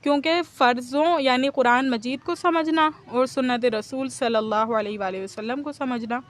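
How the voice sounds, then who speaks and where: A woman giving a patient grammar lesson, often pausing to check that students follow. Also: high-pitched. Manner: patient, keeps checking understanding with "okay?". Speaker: teacher of Arabic grammar. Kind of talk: explanatory classroom lecture.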